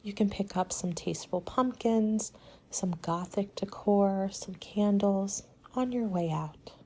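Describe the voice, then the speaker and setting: Speaking in a hushed, polite mood, a woman with a mid-range voice takes on the role of a helpful, courteous party planner for an ASMR roleplay. She gives advice in a measured, polite way, her voice soft and breathy.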